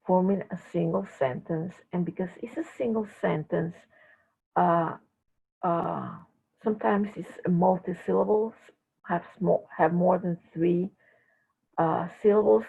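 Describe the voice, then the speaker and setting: A woman lectures her language class, her voice deeply gravelly and raspy. She works through the points haltingly, stopping often to fill pauses. The audio is thin and phone-like. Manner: halting explanations with frequent filler pauses. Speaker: language teacher. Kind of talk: recorded lecture.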